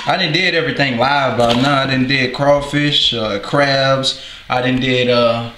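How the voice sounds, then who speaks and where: A man's voice: mid-range voice, fairly even intonation, a little slow. Slangy New Orleans man in echoey kitchen. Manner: slangy, rambling, joking to viewers. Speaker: cooking video host. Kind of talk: casual cooking vlog. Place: home kitchen. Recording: echoey room with clear noise.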